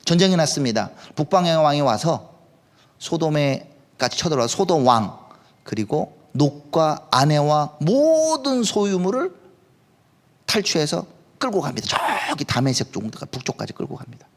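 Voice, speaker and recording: A man's voice: on the high side, big pitch swings, normal speed. A male pastor preaching a sermon at a live service in a worship hall, in a conversational way, often putting questions to the congregation.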